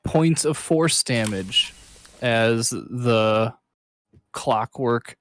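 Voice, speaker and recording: Slow, methodical man player. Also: medium pitch, a little hiss or hum. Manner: methodical, thinks out loud.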